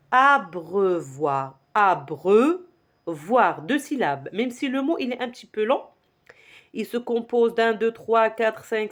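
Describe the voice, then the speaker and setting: Slow, lively woman teaching phonics. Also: a little high. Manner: slow, lively, repeats words and syllables for children to echo. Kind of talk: classroom phonics lesson for young children.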